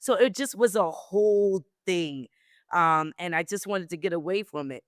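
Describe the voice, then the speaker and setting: A woman from South Carolina, a travel company founder, telling her story candidly as an interview guest, with a mostly neutral American accent that keeps a slight South Carolina Lowcountry trace. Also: moderate pace, no echo, clean studio sound. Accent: General American, slight South Carolina Lowcountry. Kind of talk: casual interview conversation.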